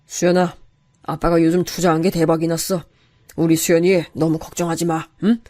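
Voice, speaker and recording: A man's voice: fairly high pitch, little pitch movement, moderate pace, darkish tone, close to an everyday voice. An older man voicing a doting father in an audio story, fond and boastful in a coaxing way. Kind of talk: storybook voice acting.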